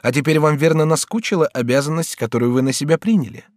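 A man's voice: a little high, darkish tone, dry recording, voice pushed up, close to an everyday voice. Guy doing a young woman, raised voice, firm and set on her duty, dry audiobook sound. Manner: firm, earnest, measured. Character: resolute young woman, grave and determined.

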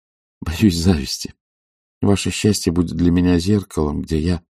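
Man playing a soft-hearted lazy gentleman, eager, gets all worked up, gravelly. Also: sits low, no echo, clean studio sound, exaggerated voice. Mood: wistful. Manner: eager, breathless exclamations. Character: idle gentle nobleman, excitable, emotional.

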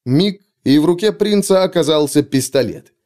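A man reading an adventure story aloud as narrator, in steady, dramatic storytelling. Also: fairly high pitch, normal speed. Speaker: audiobook narrator. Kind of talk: scripted narration.

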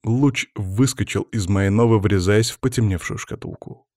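A man reading a first-person fantasy audiobook in a measured, even manner. His voice is on the low side, and the recording is dry and close, with no room sound. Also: no echo. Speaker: audiobook narrator. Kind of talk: scripted first-person narration.

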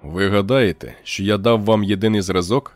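Man reading as a cool sarcastic trader, slow and low, dry close sound. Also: no room sound, faint music behind, lightly acted. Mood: measured. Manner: slow, measured and sardonic. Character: calm, ironic male trader.

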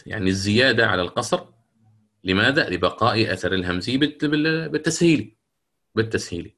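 A middle-aged man with a mid-range voice teaches the rules of Quran recitation. He asks questions and answers them himself. He chants the verses slowly to show each rule. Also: medium pitch, a bit bright.

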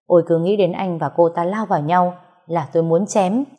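A woman narrating a first-person audio story in a steady, even manner. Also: lowish voice, moderate pace.

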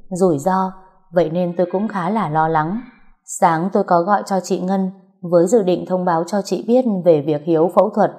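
A woman narrating a first-person story in a soft, steady, scripted way. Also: fairly low pitch.

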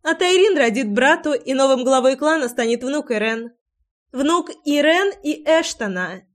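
A woman's voice: high-pitched, lively intonation, normal speed, pitched above the performer's own voice. A woman reading a mocking, defiant captive young woman in an audiobook, taunting. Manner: taunting, laughing.

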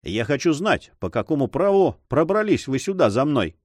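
A man's voice: a little high, sing-song, normal speed, dry recording, clean studio sound, pitched above the performer's own voice. Man voicing an ardent young lover. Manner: fervent and pleading. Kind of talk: audiobook reading.

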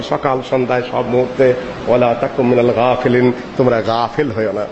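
Male preacher, high-pitched, animated, recites scripture and explains it; muffled recording with a faint hiss. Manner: recites Arabic verses then explains them; animated, swings pitch widely for emphasis. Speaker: Islamic preacher. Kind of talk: sermon. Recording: dull lo-fi recording in a reverberant hall.

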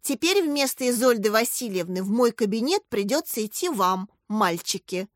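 A woman's voice: on the high side, lively intonation, moderate pace, dry recording, studio quality, lightly acted. A woman voicing a stern middle-aged deputy head teacher who speaks strictly and measuredly.

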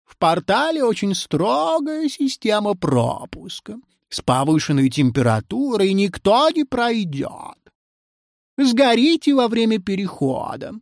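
A storyteller voicing a male cat who runs a fairy-tale school, melancholy and theatrical in a measured, dry delivery. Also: medium pitch, very animated, creaky, no room sound, pitched above the performer's own voice. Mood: stern. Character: pompous male cat deputy head in pince-nez.

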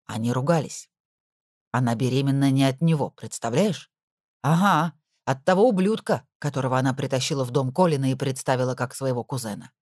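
A woman voicing an older, caring, gossipy woman in an audiobook, confiding in a low voice. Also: brisk, a little mellow, dry recording, clean studio sound. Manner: confiding, chatty.

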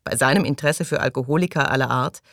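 A woman's voice: extremely low pitch, fast talker, vocal fry, fairly bright tone, no echo, studio quality, exaggerated voice. A woman reading aloud the inner thoughts of a curious, thrifty man in a storybook, in a musing, matter-of-fact way.

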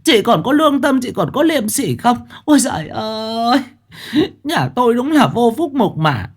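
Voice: mid-range voice, sing-song, voice pushed up. A storyteller voicing a domineering elderly mother-in-law who berates her daughter-in-law in a shrieking tirade. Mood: furious. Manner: shrieking, rapid-fire tirade.

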